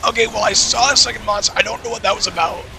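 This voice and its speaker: A man with a hoarse, raspy voice chatting casually and self-deprecatingly as he comments on his own gameplay. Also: sits high, racing, noisy background. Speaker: gaming video creator.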